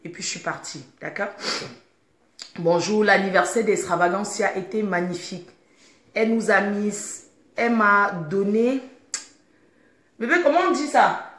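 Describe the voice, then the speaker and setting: A woman's voice: medium pitch, normal speed, long pauses, a bit bright. Just-woken woman vlogger, groggy and chatty, talking to viewers from bed in a roomy space. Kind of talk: casual live video chat. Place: bedroom, indoors. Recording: echoey room.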